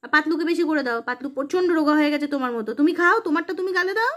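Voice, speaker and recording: A young woman, a mother chatting casually with her small child and coaxing him along with many gentle questions. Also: high voice, expressive, racing.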